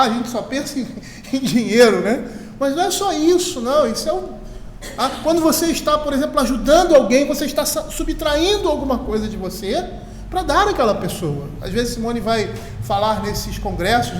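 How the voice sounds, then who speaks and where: A male pastor with a Brazilian Portuguese accent, preaching an expository sermon in a conversational teaching manner, checking in with frequent tag questions, through a church microphone. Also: extremely high pitch. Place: church sanctuary. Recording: echoey hall with long reverb, faint hiss.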